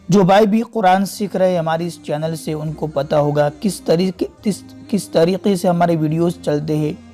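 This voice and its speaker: A man teaching a Quran reading lesson step by step, slowly repeating and drawing out each example word. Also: fairly high pitch, dark tone. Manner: slow, patient, repeats and stretches out example words.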